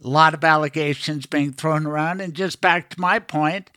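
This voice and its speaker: A man's voice: on the high side, steady tone, moderate pace, sharp tone, no echo, studio quality. A middle-aged man hosting a podcast, chatting casually with a guest, telling anecdotes and giving strong opinions. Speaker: podcast host. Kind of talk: casual interview chat.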